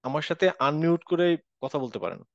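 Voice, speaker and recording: A man's voice: fairly high pitch, sing-song, vocal fry, no room sound. Guy teaching recitation over a call, drags out each sound and repeats it, kinda dull dry audio. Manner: demonstrates letters slowly, repeating sounds. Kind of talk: online class explanation. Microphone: video call.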